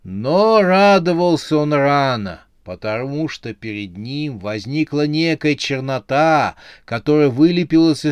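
A man narrating a humorous horror story in a lively, expressive reading. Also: fairly high pitch, a little slow, hardly any pauses, clear, resonant tone, no room sound.

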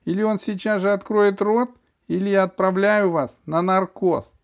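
A man's voice: high voice, steady tone, normal speed, pitched above the performer's own voice. A man voicing a small, stern female dentist who coaxes a child and then orders him about firmly. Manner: coaxing then sharply commanding.

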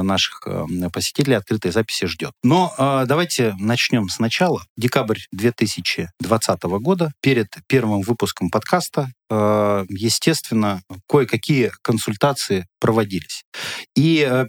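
A man in his forties hosting a casual podcast, joking with frequent filler pauses. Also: lowish voice, dry recording, studio quality. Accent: Russian. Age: 40s. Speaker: podcast host.

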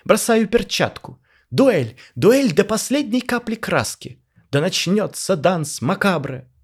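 Pompous painted gentleman, high and shrill, florid and theatrical, put on by a male reader. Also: very animated, slow pace, slightly rough, exaggerated voice. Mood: indignant.

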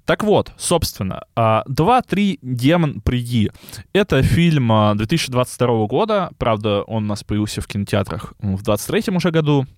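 A man's voice: mid-range voice, very animated, a little fast, hardly any pauses, dry recording. Guy chatting on a podcast, slight lisp, can't roll his r's, stumbles along, very dry recording. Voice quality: burred R (rhotacism). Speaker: podcast co-host. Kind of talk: casual podcast chat.

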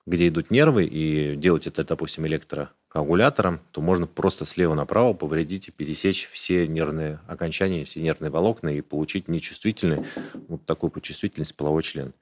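A man's voice: rumbling low, fairly quick, a little mellow. A man, a urologist, explaining medical matters in a casual podcast conversation, matter-of-fact and detailed. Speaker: urologist guest.

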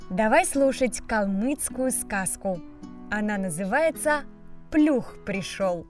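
A woman storyteller reading a children's fairy tale aloud, slowly and expressively. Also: mid-range voice. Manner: slow, expressive, bright character voices. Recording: faint background music.

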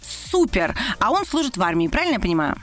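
A woman's voice: medium pitch, very animated, fast talker, soft background music. A woman hosting a radio show, chatting with callers in an effusive, affectionate, gushing way.

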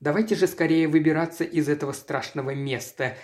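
A woman's voice: low voice, a little fast, darkish tone, natural voice. A reader voicing a frightened lady who pleads fretfully to leave. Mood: fearful.

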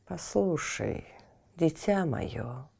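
A commanding Queen of Night from a fairy tale, put on by a woman storyteller, grave and weighty. She speaks slowly, in a low, mellow voice. Her warnings sound solemn and regal. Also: sing-song, heavily acted. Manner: stern and commanding, turning coaxing. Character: stern, regal Queen of Night guarding a door.

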